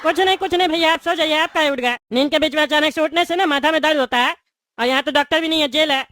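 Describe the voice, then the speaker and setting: A woman's voice: sits high, fast, a bit bright, no room sound. A woman voicing a bald, cowardly, boastful male politician who blusters and then grovels. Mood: grovelling. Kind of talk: cartoon voice acting.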